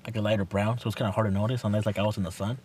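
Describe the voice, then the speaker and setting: A man in his twenties in casual podcast chat, slangy and excitable, repeating words and stumbling as he goes. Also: on the low side, racing. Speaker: podcast co-host. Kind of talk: casual chat between friends, with swearing. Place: inside a car. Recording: noisy, recorded inside a car.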